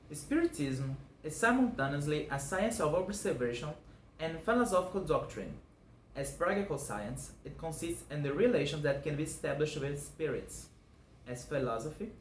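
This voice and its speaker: A Brazilian man in his twenties, a native Portuguese speaker with a Brazilian Portuguese accent, hosts his own channel and delivers a scripted monologue explaining a doctrine point by point, earnest and measured. His voice is on the high side, recorded in an echoey room with faint background noise.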